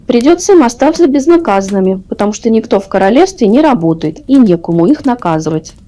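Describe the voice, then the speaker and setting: A woman's voice: a little high, expressive, quick pace, warm tone, natural voice. A woman voicing a dutiful, matter-of-fact royal general in a bedtime storybook reading. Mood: firm, reasoning.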